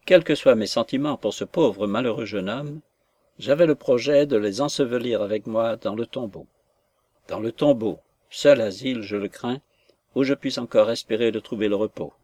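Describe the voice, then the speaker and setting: A man voicing a gentle, distressed young woman in a storybook reading, with a tender, pleading delivery. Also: mid-range voice, moderate pace, no echo, natural voice.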